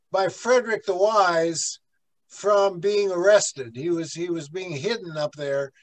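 A man with a high voice teaches a church class at an unhurried pace. He talks like a pastor leading a Bible study, conversational and meandering, full of fillers and side stories. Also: poor audio. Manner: slow, rambling, with many fillers and asides.

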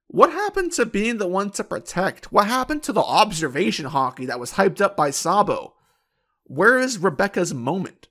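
Sarcastic male video essayist, fairly high voice, scripted commentary. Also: fairly bright tone. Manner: sarcastic, dismissive.

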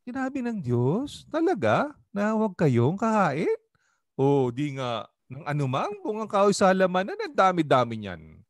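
A man's voice: high voice, wildly swooping pitch, moderate pace, no echo, voice pushed up. A man putting on a sly coaxing serpent. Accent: Filipino. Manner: falsely friendly, coaxing, mock-surprised. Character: sly sweet-talking tempter serpent.

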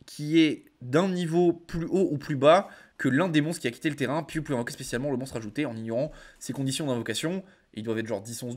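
Young man, casual card reviewer; reads the text, then slangy offhand reactions. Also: medium pitch. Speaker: card game content creator.

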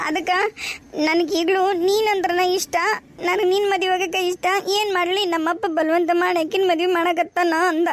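A woman's voice: extremely high pitch, steady tone, moderate pace. Woman voicing a tearful young village daughter. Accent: North Karnataka Kannada. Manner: weepy, plaintive. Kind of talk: cartoon voice acting.

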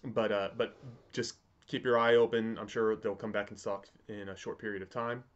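A man in his thirties talking casually to camera as a reviewer, halting and repeating words as he thinks aloud. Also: lowish voice, level tone, lo-fi sound. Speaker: pipe tobacco reviewer. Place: indoors, home study with bookshelves.

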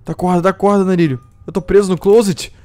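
A man's voice: sits high, fairly even intonation, brisk, darkish tone. Jumpy man playing horror game. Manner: jumpy, exclaims and yelps at scares; talks to himself, asking what to do. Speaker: gameplay streamer. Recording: game music faint behind.

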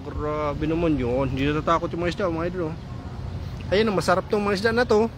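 A man from Samar, Philippines, talks at a quick pace in a fairly high voice while vlogging on his phone through a daytime park by a pond. He chats and exclaims excitedly, calling viewers "idol," with slight noise in the background.

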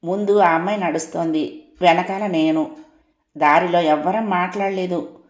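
A woman reads a first-person story aloud in a steady, unhurried way. Her voice sits somewhat low. The recording has a roomy echo. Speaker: audiobook narrator. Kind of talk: scripted story narration.

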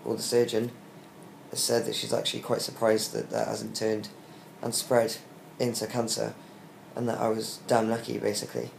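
Weak, tired British man, low gravelly voice. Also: completely flat delivery, normal speed. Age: young adult. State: weak and tired after surgery, short of breath. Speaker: vlogger giving a recovery update. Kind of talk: casual video diary. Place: small hospital room, lying in bed. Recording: roomy echo with faint background hiss.

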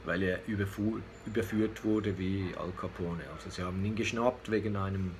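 A vlogger in his fifties delivers his weekly news commentary to camera, unscripted and hesitant as he searches for words. His low voice runs at normal speed with fairly even intonation, and room ambience and background noise come through clearly.

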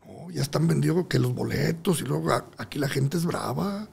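A frantic male concert promoter, put on by a storyteller, pleads in a raised, strained voice. He is creaky and gravelly. The tone is urgent and rushed. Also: on the high side, darkish tone, heavily acted. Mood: pleading.

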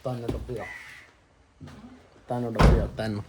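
A man's voice: medium pitch, little pitch movement, a little slow. A man, a new father, chatting casually to the camera for his family vlog. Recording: noisy recording.

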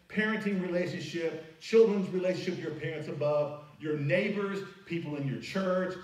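Lively emphatic preacher man in echoey church. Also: sits high. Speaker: pastor. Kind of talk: sermon. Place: church sanctuary. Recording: very echoey church hall, mic at a distance.

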